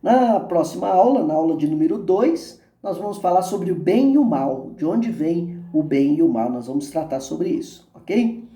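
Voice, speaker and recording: Dark-voiced Brazilian man teaching a lesson. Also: high-pitched, echoey room. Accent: Brazilian Portuguese. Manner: calm, unhurried, addresses students directly with frequent "ok?"; reads a poem and a parable aloud expressively. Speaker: religious education teacher. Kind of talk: recorded video lesson.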